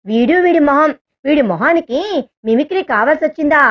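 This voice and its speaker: A woman's voice: high-pitched, expressive, a little fast. A woman voicing a pouting, playful young woman in a romantic audio story, in a slightly dull recording. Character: young woman, sulky, lively girlfriend.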